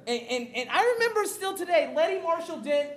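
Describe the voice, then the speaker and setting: A high-voiced male pastor from Maryland delivers an animated sermon. He laughs often and pokes fun at himself. The sound carries the echo of a large room. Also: fairly quick. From Maryland, USA.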